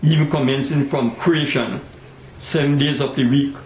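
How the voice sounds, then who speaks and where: A very old man in his nineties with a Tobagonian accent, telling his life story in an interview in deliberate, earnest phrases with pauses. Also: medium pitch, fairly even intonation, a little mellow. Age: 90s. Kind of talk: oral history storytelling with scripture quotes. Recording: echoey room with faint background noise.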